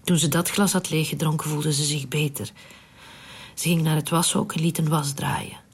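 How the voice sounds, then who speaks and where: A narrator reading a literary story aloud in a hushed, unvoiced whisper, in a whispered storytelling style. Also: mid-range voice, steady tone, normal speed, slightly rough.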